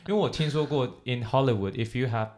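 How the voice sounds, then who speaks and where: A man's voice: medium pitch, fast, darkish tone. A young man chatting casually, explaining at length and mixing English words and phrases into his talk. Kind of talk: casual chat.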